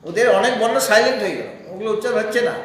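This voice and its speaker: High-voiced man teaching scripture, very echoey. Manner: explains slowly, asks listeners rhetorical questions. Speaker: Vedanta teacher. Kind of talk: scripture class discourse. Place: spiritual society hall. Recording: heavy echo in a hall.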